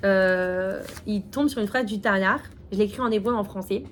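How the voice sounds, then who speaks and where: A woman's voice: mid-range voice, moderate pace, slight background noise. A woman telling a story in a casual teaching talk, chatty, full of fillers and restarts, acting out the quotes.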